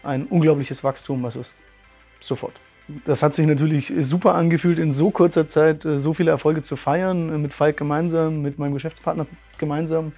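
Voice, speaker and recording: A man's voice: a little high, fairly even intonation, a little fast, mellow, faint music behind. A man in his thirties, a martial arts school owner, telling his story in a testimonial interview, earnest and thoughtful, with many fillers. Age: 30s. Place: bright room with curtains, indoors.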